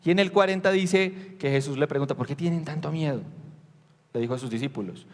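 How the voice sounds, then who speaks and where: A man's voice: a little high, a little fast, a little mellow, in a large hall. A man preaching a sermon as a pastor, telling the story with animation, acting out the disciples' lines and asking the congregation questions.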